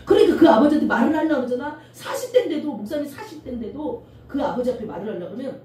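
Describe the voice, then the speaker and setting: Animated woman pastor preaching in an echoey hall. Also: sits high, racing. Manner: animated preaching, often acts out quoted voices. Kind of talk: sermon. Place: church sanctuary. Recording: echoey church room from a distance, faint noise.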